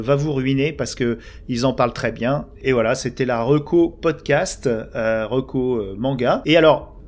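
Halting French man hosting a podcast. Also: mid-range voice, darkish tone, a little hiss or hum. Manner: hesitant, stammers and repeats words often. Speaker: podcast host. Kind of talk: casual podcast chat about manga.

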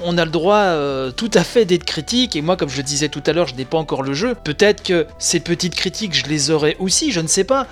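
A married man hosting a casual spoken video game press review, chatty and opinionated, with many asides and fillers. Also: sits high. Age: adult, married. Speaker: video game news show host.

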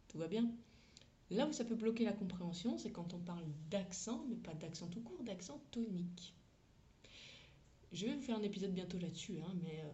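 A woman who teaches English talks through a lesson in a casual monologue, chatty and frank, sprinkling in slang and asides. Her voice is mellow and medium in pitch.

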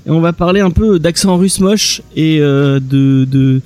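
A man hosts a casual film podcast. His voice is slightly high and warm, and he talks hesitantly, often restarting his sentences. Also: a little slow, smooth. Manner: hesitant, many fillers and restarts. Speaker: podcast host.

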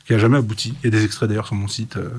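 Fast-talking husky male voice actor. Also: on the low side, flat delivery, darkish tone. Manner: rapid, enthusiastic storytelling. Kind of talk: casual interview chat.

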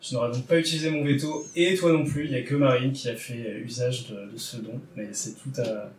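A man's voice: medium pitch, steady tone, a little fast, distant mic, slight background noise. A man hosting a podcast segment, talking in a playful, wordy, teasing way. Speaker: podcast host running a book draw. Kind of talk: casual podcast chat. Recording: roomy, a little off-mic.

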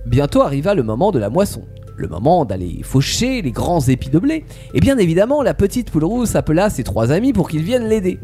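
A man's voice: on the high side, sing-song, a little fast, warm tone, soft background music. A man casually telling a fairy tale to friends, playful, with fillers and asides. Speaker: storyteller.

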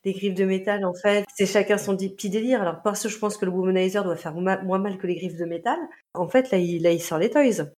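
A woman's voice: medium pitch, quick pace, darkish tone. A woman co-hosting a casual French chat about a song, explaining its lyrics at length in a frank, joking way. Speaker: podcast co-host.

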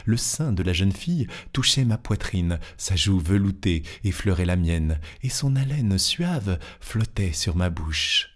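A man reading a classic fantastic tale aloud in a measured, expressive way, lingering over descriptions. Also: low-pitched. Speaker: narrator.

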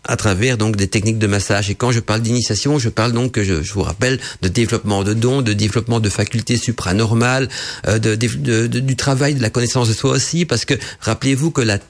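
A man with a nasal, slightly hoarse voice from a head cold, hosting a radio talk in a hesitant, explanatory way. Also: on the low side, steady tone, fast talker. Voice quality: nasal, congested voice. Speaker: radio show host.

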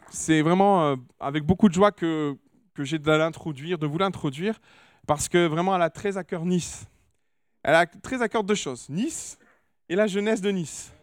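A man's voice: a little high, normal speed, clear, resonant tone, no room sound. Hesitant male pastor giving announcements. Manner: warm, hesitant, many fillers and restarts. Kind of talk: church service announcements. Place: church hall.

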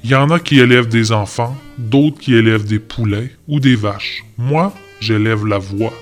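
A man's voice: mid-range voice, normal speed, soft background music, natural voice. A man doing a bellowing, bitter upstairs neighbor. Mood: ranting. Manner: shouting, harangues. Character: loud ranting male upstairs neighbor, bitter and self-pitying.

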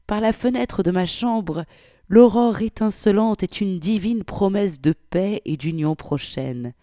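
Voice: medium pitch, measured pace, mellow, no echo, studio quality, lightly acted. A reader playing a prim, pious war widow. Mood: indignant, prim. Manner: ornate, old-fashioned letter reading with swells of indignation. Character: prim pious widowed wartime godmother, flustered and prudish. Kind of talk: dramatic reading of a letter.

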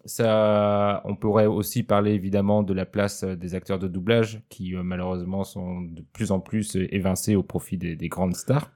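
A man's voice: low-pitched, level tone, normal speed, hardly any pauses, a little mellow. A man co-hosting a casual talk show, chatting with many hesitant fillers. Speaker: podcast co-host. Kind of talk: casual chat.

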